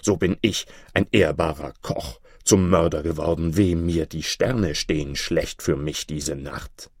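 A man's voice: deep voice, animated, measured pace, creaky, breathy edge, no room sound, clean studio sound, heavily acted. A man doing a despairing, lamenting cook. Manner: lamenting, shaken. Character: despairing honest middle-aged male cook.

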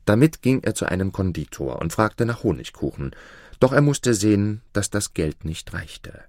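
Deep male storyteller, expressive and animated, dry studio read. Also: normal speed, no room sound. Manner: expressive, varied intonation. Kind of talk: read-aloud fairy tale narration.

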